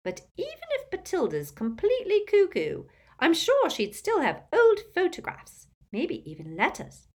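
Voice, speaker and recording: A woman's voice: extremely high pitch, huge pitch swings, a little slow, pitched above the performer's own voice, full character voice. A woman voicing a tactless, gossiping old great-aunt who is a little tipsy, with a blunt, testy manner. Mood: gossipy.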